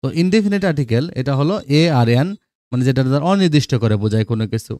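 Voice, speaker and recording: A man teaching a grammar lesson to students, often checking with "okay?" and reading English examples out slowly. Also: mid-range voice, lively intonation, warm tone, no room sound, studio quality.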